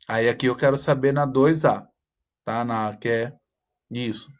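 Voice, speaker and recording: A man teaching a class, walking students through a task with frequent "tá?" check-ins and slowing down to spell out the rhymes. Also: mid-range voice, steady tone, dull audio. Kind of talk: online class walkthrough.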